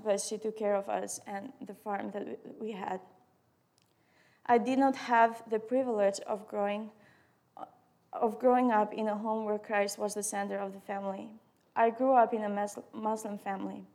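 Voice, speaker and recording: A woman's voice: mid-range voice, flat delivery, moderate pace, creaky, a little mellow. A woman in her early twenties with an Albanian accent, a non-native English speaker reading her personal testimony aloud. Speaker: student sharing testimony.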